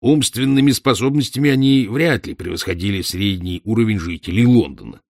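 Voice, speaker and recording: Guy doing a smug old professor, low voice, lecturing like everyone's beneath him, dry sound. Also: a little fast, vocal fry, darkish tone, no echo. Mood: pompous. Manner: haughty, lecturing, condescending. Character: pompous arrogant older male professor. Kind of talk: audiobook reading.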